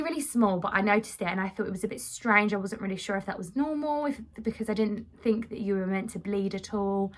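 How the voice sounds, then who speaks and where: A woman vlogger recounting her experience in a casual chat to camera. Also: mid-range voice.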